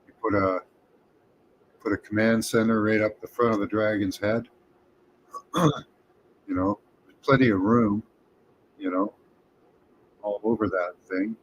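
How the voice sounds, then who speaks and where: Deep-voiced man musing aloud. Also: steady tone. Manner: thinking aloud, tentative, with pauses and hums. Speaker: remote viewing presenter. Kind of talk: musing commentary over images.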